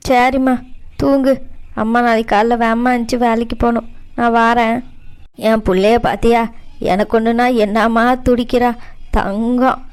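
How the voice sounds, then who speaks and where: A woman's voice: on the high side, level tone, moderate pace, pauses often, darkish tone, smooth, natural voice. A woman voicing a hardworking middle-aged mother in a cartoon, tired and resigned but tender toward her daughter. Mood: weary. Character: weary hardworking mother, a housemaid. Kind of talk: cartoon voice acting.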